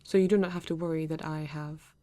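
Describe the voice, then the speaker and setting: In an ASMR roleplay, a woman portrays a male android police detective with a British accent, formal, precise and measured, proud yet earnest, and avoiding contractions. She sounds assured and proud. Her deep, dark voice has fairly even intonation and sounds close to everyday speech, with no echo.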